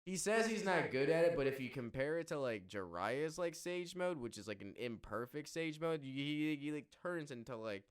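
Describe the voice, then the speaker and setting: A man co-hosting a podcast, chatting casually and rambling excitedly with lots of fillers. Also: fairly high pitch, moderate pace, hardly any pauses, reverberant. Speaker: podcast co-host. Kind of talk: casual chat.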